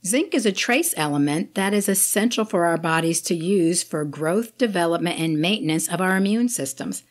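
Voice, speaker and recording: A woman physician hosting a health talk, explaining remedies in a clear, lightly joking way. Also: on the low side, animated, moderate pace. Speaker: physician host. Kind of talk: health advice talk to camera.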